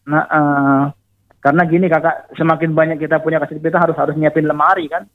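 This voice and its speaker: Brief: talkative man in his forties, fast and fairly high, phoning in, lo-fi phone sound. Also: flat delivery. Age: 40s. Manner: chatty, rambling with many fillers. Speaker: radio listener guest. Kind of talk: phone interview. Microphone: phone call. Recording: tinny phone line.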